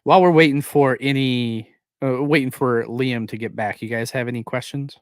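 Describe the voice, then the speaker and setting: A man's voice: medium pitch, fairly even intonation, moderate pace, clear, resonant tone, dry recording. A man co-hosting a casual streamed podcast chat, often repeating words as he starts a sentence. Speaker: podcast co-host.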